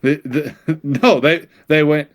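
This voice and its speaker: Brief: male co-host, slightly high voice, repeats words, joking banter. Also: fairly even intonation, slow. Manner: stammering, repeats words, casual swearing. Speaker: podcast co-host. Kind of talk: casual comedic banter.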